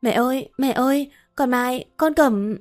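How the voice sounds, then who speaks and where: A woman's voice: fairly high pitch, animated, measured pace, soft background music. A woman voicing Sinh, a frightened young daughter-in-law who screams and pleads in panic. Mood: sobbing pleading.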